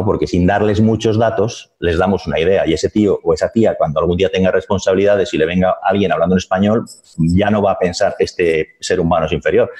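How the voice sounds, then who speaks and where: Man, very deep voice, animated storytelling, slangy, restarts a lot. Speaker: journalist guest. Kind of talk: casual radio chat.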